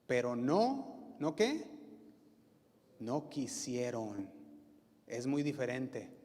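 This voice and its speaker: In a reverberant church hall, a male pastor with a Mexican Spanish accent preaches a sermon. His mid-range voice has a dark tone, and he leans on emphatic repetition and rhetorical questions.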